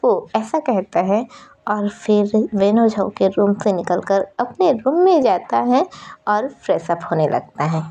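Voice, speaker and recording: Gravelly woman narrating a story. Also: mid-range voice, unhurried. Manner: steady narrating, explanatory. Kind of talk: storytelling narration of fan fiction. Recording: dull lo-fi recording.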